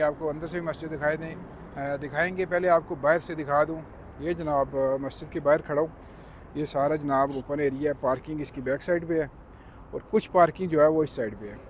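A man's voice: fairly high pitch, background noise. A man in his thirties giving a polite, explanatory guided tour to his viewers in a casual vlog. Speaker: travel vlogger. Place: car, outdoor plaza, then mosque interior.

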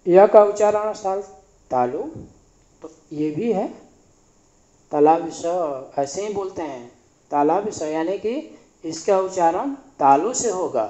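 A man's voice: sits high, expressive, takes it slowly, long pauses, dark tone. A man teaching Hindi grammar in a classroom style, patiently repeating sounds and asking the listener to say them back. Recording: echoey room, slightly dull sound.

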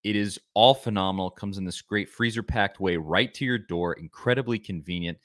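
A young man hosting a podcast, reading a sponsor ad in an upbeat, smooth delivery from a small home room. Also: fairly low pitch, a little fast, a bit bright, no room sound, clean studio sound. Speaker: podcast host. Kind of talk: read sponsor ad.

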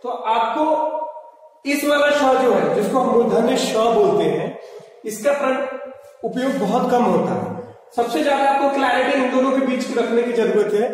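A man giving a pronunciation lesson, patiently drilling words slowly one at a time and calling his viewers friends. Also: extremely high pitch. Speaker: teacher. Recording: echoey room, mic far off.

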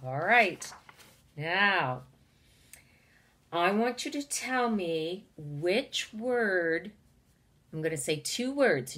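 A woman teacher leading a phonics lesson for young children, speaking slowly with careful enunciation and encouragement. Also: lowish voice, a bit bright.

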